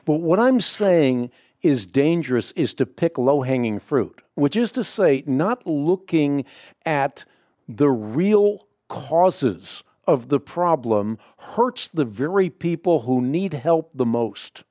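Male call-in host, mellow dark tone, dry studio sound, firm and measured. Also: fairly high pitch, lively intonation, dry recording. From Netherlands. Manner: measured, firm, repeatedly interjecting. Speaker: radio show host. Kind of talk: call-in radio talk. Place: radio studio. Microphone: studio microphone.

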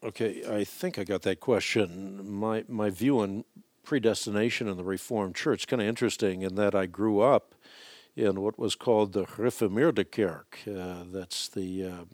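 This Dutch host from the Netherlands, a native speaker, fields callers' questions on his radio program slowly and carefully, often pausing to hesitate. He has a lowish, slightly mellow voice, captured without any echo.

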